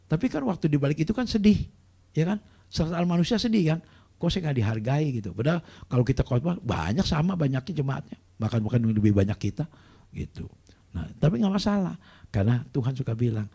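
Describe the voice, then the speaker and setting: A middle-aged male pastor preaching a sermon, telling stories in an animated way and acting out the dialogue in a gravelly, raspy voice. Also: mid-range voice. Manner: animated storytelling, acts out dialogue.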